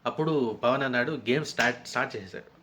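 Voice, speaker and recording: A man's voice: medium pitch, fast talker, bright, forceful tone, slight background noise. Man casually recapping a reality show. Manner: rambling, conversational retelling with frequent restarts.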